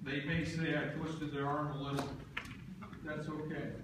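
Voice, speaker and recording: A man's voice: fairly high pitch, flat delivery. Man speaking from far off in an echoey courtroom. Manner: encouraging, halting with fillers. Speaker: ceremony officiant. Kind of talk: speech at a citizenship ceremony. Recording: echoey room from far off, noisy.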